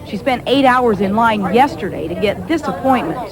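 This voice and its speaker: A woman's voice: a little high, expressive, normal speed, crowd noise. A woman narrating a scripted television news report as a correspondent.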